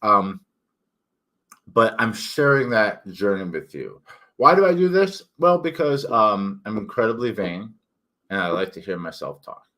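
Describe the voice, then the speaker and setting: A man's voice: on the low side, sing-song, unhurried, pushed and bright. A middle-aged man with thick, slightly slurred, tongue-heavy articulation, giving a candid, rambling, self-deprecating monologue as an author hosting his own channel.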